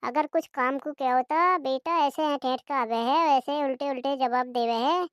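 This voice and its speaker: A woman's voice: high-pitched, moderate pace, a bit bright, no echo, clean studio sound. A woman voicing a grumbling old mother-in-law in a cartoon comedy, complaining and lamenting about her daughter-in-law. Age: older.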